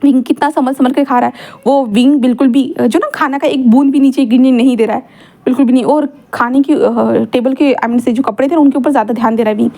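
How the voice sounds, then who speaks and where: A woman narrating a fan fiction story in a casual, chatty way. Her voice is high and she races along, full of fillers and quick self-corrections. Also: steady tone, mellow.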